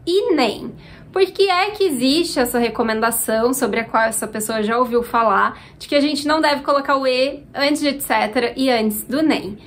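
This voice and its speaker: A woman from Brazil with a Minas Gerais accent, explaining Portuguese grammar clearly as a teacher answering viewer questions. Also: high voice, moderate pace, hardly any pauses, a bit bright.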